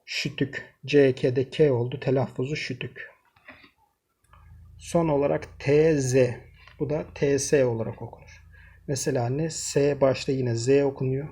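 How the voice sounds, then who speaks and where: Male teacher, husky and mellow, steady explainer speaking straight to his students. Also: mid-range voice, normal speed. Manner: explains step by step, addresses viewers directly. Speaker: language teacher. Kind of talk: screen-recorded language lesson.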